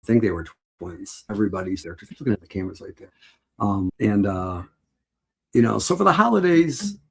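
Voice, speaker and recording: A middle-aged man with a husky voice, rambling with restarts as he reminisces in a casual chat. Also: lowish voice. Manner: rambling, with frequent restarts and laughs.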